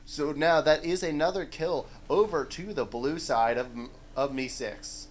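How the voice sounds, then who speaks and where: A man calls a live esports match play-by-play, his voice sitting a little high. He is excitable and pushes up into shouts when the big plays land. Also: unhurried, slight background noise.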